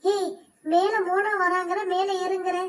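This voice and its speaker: A woman's voice: very high-pitched, flat delivery, a little slow. A woman voicing a young female doll who pleads for help in a toy play story. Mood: pleading.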